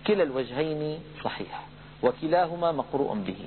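A middle-aged man teaching Quran recitation, explaining rules calmly to his brothers in the audience and demonstrating verses in a slow, drawn-out chant. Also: on the high side. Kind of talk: religious lesson lecture. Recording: tinny phone-like lo-fi recording with faint hum.

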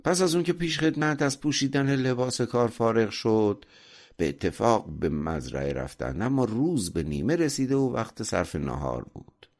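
A man narrating a folk tale audiobook as an expressive storyteller. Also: mid-range voice.

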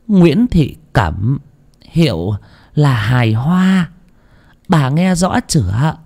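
A man voicing a very old, toothless village woman who speaks bluntly and in a hushed way. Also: a little high, voice pushed up, heavily acted. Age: 80s.

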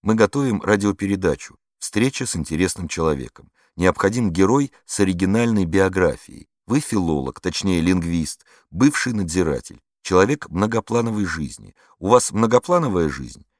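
A man's voice: deep voice, animated, normal speed, few pauses, dry recording, studio quality. A man reading an audiobook voicing an earnest, persistent young female radio journalist.

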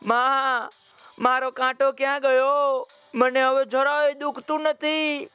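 A man voicing a tiny baby ant who wails about a thorn, in a high crying voice. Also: level tone, slow, sharp tone, dry recording, faint music behind, heavily acted. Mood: delighted. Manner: high wailing cries.

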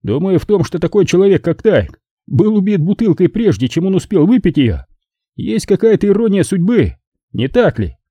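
A harsh, nervous man who needles the room with sarcasm, as a male audiobook narrator acts him out. The voice sits raised and tight, husky and dry. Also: high-pitched, big pitch swings, moderate pace, dark tone, no room sound, pitched above the performer's own voice, heavily acted. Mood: sneering. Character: rude, nervous, sarcastic man in silk pajamas.

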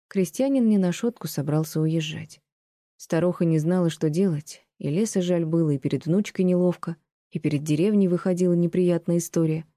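A woman narrating classic prose as an audiobook, keeping an even, measured pace of storytelling. Her voice is low-pitched and mellow, and the recording is close and dry with no room sound. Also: dry recording.

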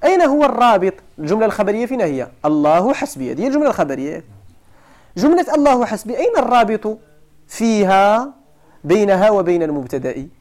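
A man with a Moroccan Arabic accent teaches a grammar lesson to a class, questioning students and repeating each point for emphasis. His high-pitched voice swings widely in pitch, fast and a little mellow.

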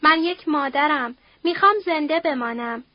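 A woman's voice: sits high, no room sound, dull audio, lightly acted. A woman voicing a grieving, frightened widowed mother who speaks in a sorrowful, pleading way.

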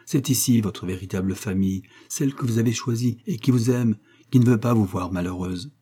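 A man's voice: on the low side, fairly quick, warm tone, husky. A man voicing a kindly, idealistic elderly scientist, declaiming with emphasis in a storybook reading. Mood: tender.

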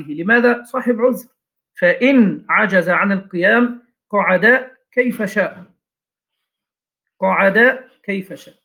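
A man's voice: high voice, pushed and bright. A man teaching a class on Islamic jurisprudence, reading lines from a text and explaining each with questions and examples.

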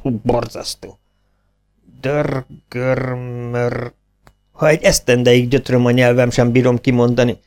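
A man voicing a hearty old English ship captain who calls out loudly and stammers over hard names. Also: medium pitch, little pitch movement, lightly acted.

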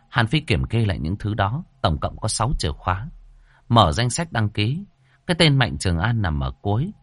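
A man narrating a horror fantasy novel as an audiobook with expressive, suspenseful storytelling. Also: on the low side, dry recording.

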